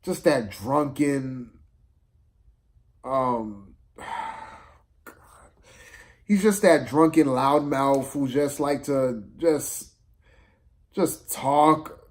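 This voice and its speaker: Speaking in a mid-range voice, a man delivers an improvised, casual rant reviewing a film. He's fed up and slangy, stumbling a bit as he repeats things for emphasis.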